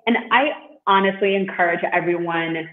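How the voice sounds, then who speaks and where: A man from Russia, a guest in an interview, talking in an earnest, halting way with many fillers. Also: high-pitched. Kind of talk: interview conversation. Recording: echoey, phone-like call line.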